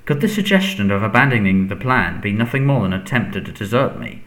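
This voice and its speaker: A man voicing a frail, menacing dark lord in a storybook, soft, breathy and hissing, commanding and contemptuous. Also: lowish voice, lively intonation, fairly quick. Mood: contemptuous, angry.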